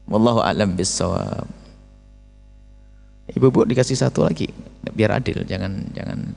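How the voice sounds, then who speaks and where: Animated male preacher in a reverberant hall. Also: on the low side, moderate pace, vocal fry. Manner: lively, acts out quoted speech in raised voice. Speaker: preacher answering questions. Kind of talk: sermon with question and answer.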